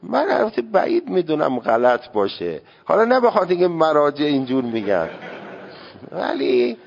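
A man's voice: fairly high pitch, huge pitch swings, vocal fry. Man lecturing in a reverberant hall. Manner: emphatic, demonstrates Arabic pronunciation aloud. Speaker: seminary teacher. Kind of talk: religious law lecture to students. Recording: dull lo-fi recording with long hall reverb.

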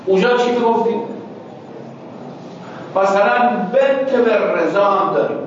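A man's voice: high voice, lively intonation, a little hiss or hum. A male teacher giving a classroom lecture. He explains word meanings step by step, checks understanding with questions, and prompts the students to finish his sentences. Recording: echoey distant dull lo-fi classroom recording.

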